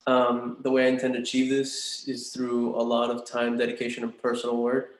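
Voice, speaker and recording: A man's voice: mid-range voice, monotone, brisk. A man in his twenties giving polite, earnest, somewhat hesitant interview-style talk, with the big echo of a large room in a house. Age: 20s. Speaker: student in a practice job interview. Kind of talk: earnest, formal interview answers.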